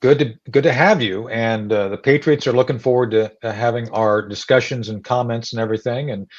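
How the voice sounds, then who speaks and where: A man's voice: medium pitch, brisk. A male talk show host chats casually in a joking, rambling way, dropping lots of fillers. His voice sits in the middle of the range, and the recording sounds dull and lo-fi.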